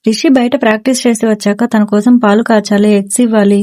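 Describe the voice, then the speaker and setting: A woman's voice: medium pitch, flat delivery, fairly quick, warm tone, close to an everyday voice. Woman reading as a fussing indulgent mother. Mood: chiding.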